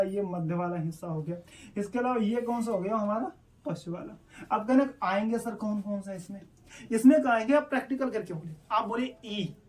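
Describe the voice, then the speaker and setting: A man's voice: high voice, recorded from a distance. A male teacher explaining step by step in an online exam-prep lesson, asking questions and answering them himself.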